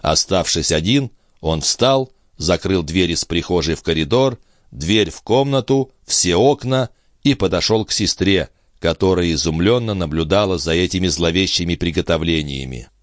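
Expressive low-voiced male narrator. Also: normal speed, no echo, studio quality. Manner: expressive storytelling. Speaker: audiobook narrator. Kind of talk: scripted narration.

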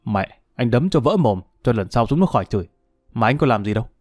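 A man voicing a hot-tempered ex-convict husband who shouts and curses roughly. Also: mid-range voice, animated, brisk, no room sound, clean studio sound, close to an everyday voice. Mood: angry.

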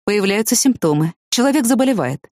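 A woman reading the lines of a blunt, bitter young man of twenty in an audiobook, in a flat, matter-of-fact way. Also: mid-range voice, a little fast, no room sound, clean studio sound, close to an everyday voice.

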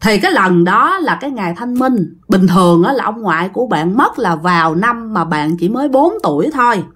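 A woman's voice: mid-range voice, moderate pace, slightly rough. A woman with a Southern Vietnamese accent casually narrating a ghost story, talking directly to her listeners. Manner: animated, addresses listeners directly.

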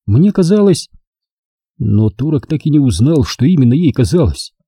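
A man reading an audiobook aloud with an expressive, dramatic delivery. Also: medium pitch, a little fast, breathy edge, no echo, studio quality. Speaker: audiobook narrator. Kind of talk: scripted audiobook narration.

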